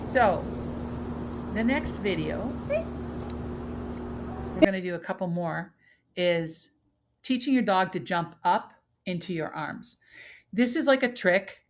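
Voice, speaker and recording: A woman's voice: mid-range voice, expressive, slow, long pauses, a little hiss or hum, low-quality recording. A woman, a dog trainer presenting a webinar in a chatty way, now and then putting on playful voices for dogs.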